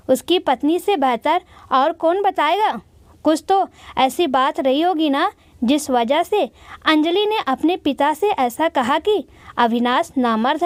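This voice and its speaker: A woman's voice: sits high, no room sound. Woman voicing a defensive groom's father. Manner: defensive and scolding. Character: indignant middle-aged father of the groom.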